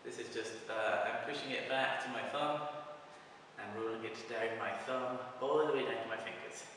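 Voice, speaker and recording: A man's voice: medium pitch, moderate pace, fairly bright tone, slight background noise. A man casually teaching a prop-spinning move, talking loosely through each step as he demonstrates it. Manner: loose, talks through moves while demonstrating. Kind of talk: casual video tutorial. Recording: echoey hall, mic far off.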